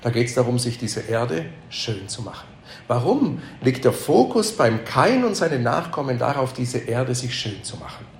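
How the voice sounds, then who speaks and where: A man's voice: medium pitch, very animated, normal speed, a little hiss or hum. A man teaching a Bible lesson to a live group, asking them questions and repeating their answers, with emphatic repetitions. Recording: echoey room.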